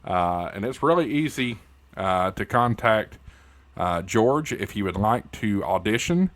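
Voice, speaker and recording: A man's voice: lowish voice, lively intonation, unhurried, fairly bright tone. A man with an Appalachian hillbilly accent hosting a casual tutorial in a folksy, informal way, talking straight to his viewers. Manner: folksy, informal, addresses viewers as y'all and guys. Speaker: YouTube host and amateur radio news anchor. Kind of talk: casual tutorial livestream chat.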